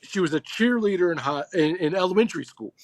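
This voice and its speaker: A middle-aged man on a sports podcast roundtable, telling animated, profane stories in casual banter. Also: high-pitched, fast, dry recording. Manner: animated storyteller, swears freely. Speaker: roundtable panelist.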